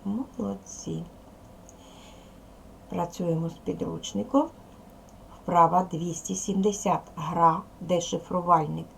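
A woman's voice: on the low side, takes it slowly, vocal fry, long pauses, slight background noise. A woman teaching a recorded primary school lesson, patiently asking questions and answering them herself. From Ukraine.

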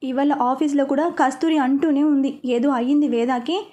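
A woman's voice: high voice, fairly even intonation, moderate pace, mellow, close to an everyday voice. A woman voicing a caring young woman who asks anxious questions about a sick relative. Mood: urgent.

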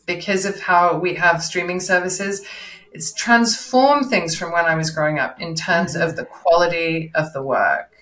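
Low-voiced woman coach, measured and easygoing. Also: a bit bright. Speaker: voice and performance coach, guest. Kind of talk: casual interview.

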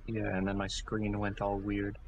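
A man's voice: on the low side, monotone, moderate pace, gravelly, slight background noise. A man chatting casually as a co-player in an online game, often sounding bewildered and exclaiming. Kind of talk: casual gaming chat.

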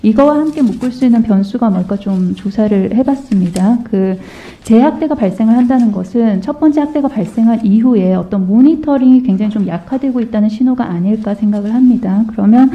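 A woman's voice: a little high, fairly quick, hardly any pauses. Woman, lawmaker, parliamentary questioning, firm, argumentative, dull lo-fi audio.

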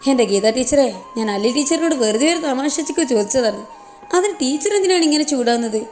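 A woman's voice: high-pitched, animated, fast, darkish tone, faint music behind. A woman voicing a male school manager who sounds awkward, defensive and apologetic. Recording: long reverb.

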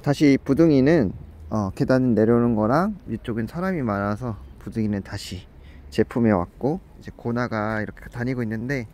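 A man's voice: mid-range voice, normal speed, a little mellow. A man narrating a pet vlog in a friendly, chatty way, talking straight to his viewers. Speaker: pet vlogger.

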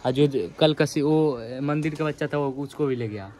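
A man's voice: fairly high pitch, moderate pace, darkish tone, slight background noise. A man defending himself in a casual argument, denying any blame. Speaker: friend helping with pigeons.

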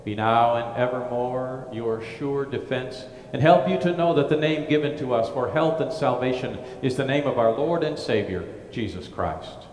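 Pastor guy reading the liturgy slow and solemn, big cathedral echo ringing after every line. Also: medium pitch, darkish tone, slight background noise. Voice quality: solemn, measured liturgical delivery. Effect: cathedral-like echo with a long church-hall reverb. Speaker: pastor leading worship. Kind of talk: liturgical prayer and communion service. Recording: echoey, reverberant large church hall.

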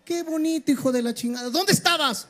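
A man voicing an angry, scolding middle-aged wife in a shrill put-on falsetto, with a Mexican accent. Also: fast talker.

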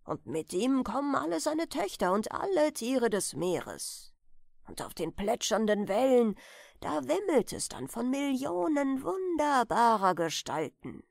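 A German woman reading a bedtime fairy tale in an unhurried, soothing way, her somewhat high voice carrying a gravelly edge. Her pitch moves freely as she tells the story, and the sound is close and dry. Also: big pitch swings, dry recording. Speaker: audiobook reader.

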